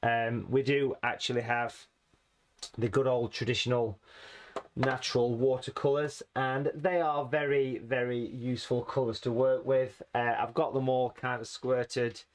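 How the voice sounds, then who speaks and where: A man teaching watercolour painting in a chatty, friendly way, his voice a little hoarse and rusty from hay fever. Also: medium pitch. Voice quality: rusty, slightly raspy. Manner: chatty, friendly, calls viewers folks. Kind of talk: casual painting tutorial.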